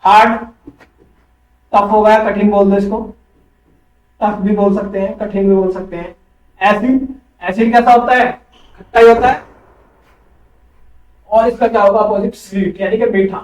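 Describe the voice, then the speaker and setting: A man's voice: high-pitched, level tone, unhurried, pauses often, darkish tone. A male teacher giving an online coaching class, asking quiz questions and answering them himself. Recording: echoey room, far from mic.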